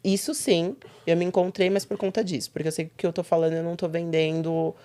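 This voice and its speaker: Interview guest: young adult woman, lower register, animated conversational storyteller. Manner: animated storytelling with quick quoted asides.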